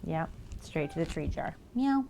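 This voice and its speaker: A woman's voice: lowish voice, steady tone, measured pace, noisy background. A woman live streaming as she works on a craft project, chatting casually and thinking aloud as she goes.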